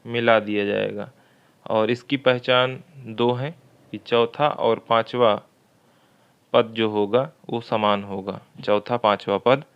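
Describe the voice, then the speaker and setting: Preparing students for an exam, this man works through Hindi grammar questions one step at a time, reading each one out twice in a slow, methodical way. His pitch is fairly low and his tone steady and smooth, though the audio is dull.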